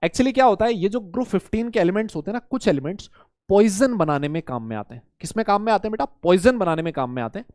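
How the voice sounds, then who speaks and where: Man, chemistry teacher, high voice, dry close sound, quizzes the class, playful mnemonics. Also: expressive, fast, a little mellow, dry recording. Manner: asks students questions and answers them himself; voices imagined student questions. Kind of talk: lively classroom lecture.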